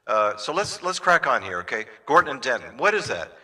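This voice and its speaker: A man's voice: medium pitch, sing-song, fairly quick, sharp tone. An American man co-hosting a podcast over a remote call, hesitant with many "uh" fillers, while an echo repeats his words on his line. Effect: echo of his own words repeating on his remote line. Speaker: podcast co-host. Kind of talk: casual podcast chat. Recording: echoey call line with long reverb.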